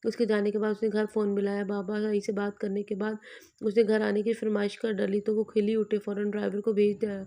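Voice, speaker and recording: A woman narrates a romance novel aloud in a steady, even storytelling read. Her voice has a gravelly, creaky texture, and the pitch barely moves. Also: a little fast. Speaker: audiobook narrator.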